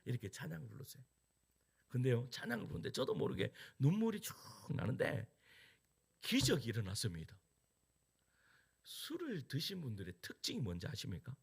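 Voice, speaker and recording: A middle-aged man preaching as a pastor, telling a personal story with sudden loud peaks and hushed asides. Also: medium pitch, wildly swooping pitch, fairly quick, creaky, long pauses, breathy edge.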